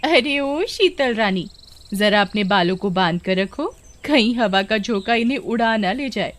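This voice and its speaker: A woman's voice: mid-range voice, expressive, a little slow, natural voice. A woman voicing a mocking young village girl in a storybook tale, teasing with a sneer. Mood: taunting. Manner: taunting, sneering.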